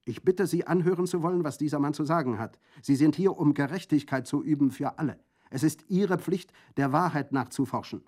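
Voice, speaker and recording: An urgent young woman pleads for justice in a raised, insistent voice, as a male reader puts her on. She presses every phrase hard, loud and forceful. It is an audiobook reading. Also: a little high, fairly quick, voice pushed up, natural voice. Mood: pleading.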